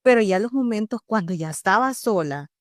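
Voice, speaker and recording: A woman with a Salvadoran Spanish accent, hosting a podcast and asking gentle, conversational questions with small hesitations. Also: mid-range voice, animated, brisk, dry recording, clean studio sound. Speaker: podcast host. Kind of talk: interview questions.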